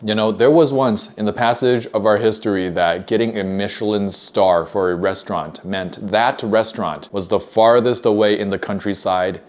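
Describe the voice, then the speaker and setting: A man with a fairly low voice riffs through a comedic food review, sarcastic and quick with a joke. He slips into mock outrage and teasing asides, keeping the tone playful. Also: faint music behind. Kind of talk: comedic reaction commentary.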